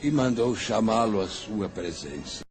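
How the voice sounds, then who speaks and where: A man's voice: fairly low pitch, lively intonation, measured pace, faint music behind. A man narrating a scripted story in a dramatic storytelling style.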